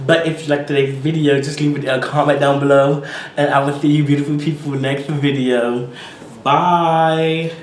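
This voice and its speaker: A man's voice: mid-range voice, roomy sound, far from the mic, slight background noise, low-quality recording. A tired young man vlogging casually, rambling and apologetic with many fillers after a big meal. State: tired, full from eating. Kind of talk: casual chat to camera.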